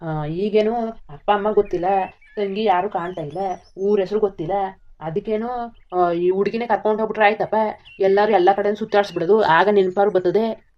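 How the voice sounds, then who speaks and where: Brief: a woman doing a plain-spoken village son, mid-pitched, cartoon, dull lo-fi recording. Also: brisk, pauses often, lightly acted. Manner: blunt, questioning village talk. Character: grown village son, blunt and practical.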